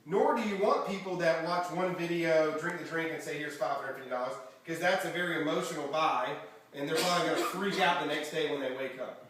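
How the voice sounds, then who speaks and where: A man giving an energetic motivational seminar talk as a network marketing trainer, quizzing the audience with questions. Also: a little high, a little fast. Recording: echoey room from far off, faint background noise.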